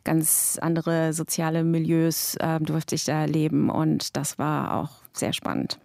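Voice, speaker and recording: A woman's voice: low-pitched, monotone, unhurried, vocal fry, a little mellow, no room sound, studio quality. A woman author, a guest in an interview, answering thoughtfully with many hesitations.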